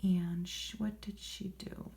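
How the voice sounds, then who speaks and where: Woman, soft voice, ASMR reading, hushed and whispery, dark mellow tone, slow pace, murmured asides. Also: mid-range voice, flat delivery, vocal fry. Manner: unhurried, murmuring, rambling asides to herself. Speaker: ASMR host. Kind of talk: soft-spoken ASMR magazine read-through with casual commentary.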